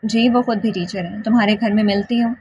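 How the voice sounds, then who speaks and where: A woman voicing a gentle, shy young wife who speaks softly and hesitantly. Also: mid-range voice, fairly even intonation, slight background noise, close to an everyday voice.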